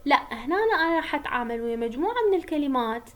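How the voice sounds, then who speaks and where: A woman's voice: sits high, expressive, rapid-fire. A young woman with an Iraqi Arabic accent giving a university lecture, switching between Arabic and English as she explains terms step by step. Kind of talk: online linguistics lecture.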